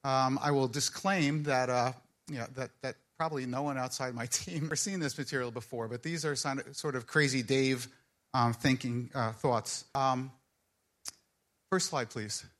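A man's voice: medium pitch, steady tone, normal speed, fairly bright tone. A man giving a conference presentation, rambling and correcting himself as he goes.

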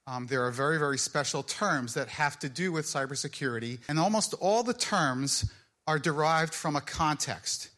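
A man's voice: fairly high pitch, moderate pace, pushed and bright. Rambling man presenting a talk. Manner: rambling, self-correcting. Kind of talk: conference presentation.

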